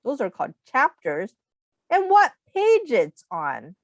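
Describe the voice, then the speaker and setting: Speaking slowly to young children, a woman reads aloud in a high voice that varies enormously. She's instructive and expressive, explaining in simple terms and asking questions as she goes, with no echo in the recording.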